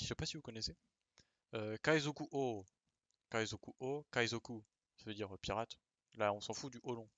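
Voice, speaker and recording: A man's voice: lowish voice, a bit bright, no echo. A man explaining pronunciation in a casual, chatty way, with slang asides and frequent hesitations. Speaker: video creator explaining name pronunciation.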